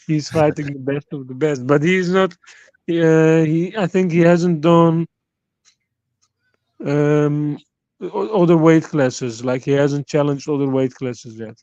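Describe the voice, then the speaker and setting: A man's voice: a little high, slow, a little mellow, dry recording. A man from the Netherlands, a guest caller on a casual podcast, talking in a friendly, patient way as he lists boxing stats. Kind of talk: casual call-in chat. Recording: dry, dull lo-fi call audio.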